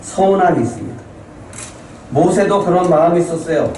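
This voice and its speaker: A male pastor preaches a Sunday sermon and keeps putting questions to his listeners. His voice sits a little high for a man but sounds mellow and dark. It reaches the mic from a distance through a very echoey church hall. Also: fairly quick, slight background noise. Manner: asks the congregation many rhetorical questions. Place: church sanctuary.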